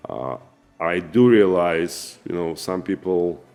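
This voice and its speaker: A man in his forties with a Russian accent, telling his own story to camera in an earnest, halting way with many fillers and restarts. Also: deep voice, lively intonation, darkish tone. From former Soviet Union. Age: 40s. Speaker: vlogger and businessman. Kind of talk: casual personal storytelling to camera.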